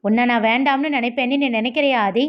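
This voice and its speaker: A woman's voice: a little high, steady tone, fast, lo-fi sound, lightly acted. A woman voicing a young man who is guilty and apologetic, speaking hesitantly and coaxingly.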